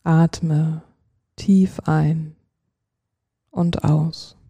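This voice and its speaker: A calm, soothing narrator guiding a relaxation dream journey like a sleep story, speaking in short, unhurried phrases with long pauses. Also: mid-range voice, gravelly, breathy edge, no echo.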